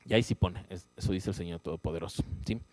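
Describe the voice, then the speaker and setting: A man teaching a Bible study in a church, animated and conversational, often checking in with his listeners. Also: low voice, fast talker, no echo. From Ecuador. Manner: animated, rising emphatic exclamations; conversational, frequent "¿sí?" check-ins. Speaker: pastor.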